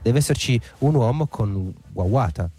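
A man's voice: mid-range voice, lively intonation, normal speed, mellow, breathy edge, faint music behind. A man voicing two frightened young sisters in a storybook reading. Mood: anxious. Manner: anxious, pleading.

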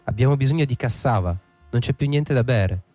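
Man doing a high-pitched scheming old witch, shrill and mocking. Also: fairly quick, mellow, soft background music, lightly acted. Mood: sly shrill. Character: old female witch-shaman, sly and shrill.

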